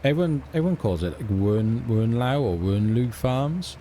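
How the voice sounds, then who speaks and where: With a warm, medium-pitched voice and lively intonation at a moderate pace, a middle-aged man from Wales chats through his let's play. He rambles hesitantly, restarting often and saying um a lot, against slight background noise.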